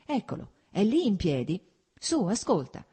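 A woman voicing a merry young male officer who tells gossip with excited exclamations. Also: mid-range voice, normal speed, breathy edge, voice pushed up.

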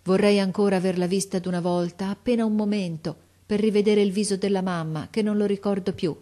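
A woman's voice: mid-range voice, steady tone, fairly quick, warm tone, close to an everyday voice. A woman voicing a young boy who recently lost his sight, speaking sorrowfully in a storybook reading. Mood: sad, longing. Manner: sorrowful, pleading. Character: young boy recently blinded, sad and longing.

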